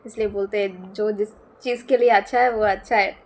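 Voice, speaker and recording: A woman's voice: mid-range voice, fairly even intonation, a little fast, darkish tone. A young woman vlogging casually at home, rambling and giggling between thoughts, filling gaps with "uh" and "um", recorded on a phone camera. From West Bengal, India. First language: Bengali. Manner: chatty, giggly, rambling with many fillers. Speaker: lifestyle vlogger. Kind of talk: casual vlog chat.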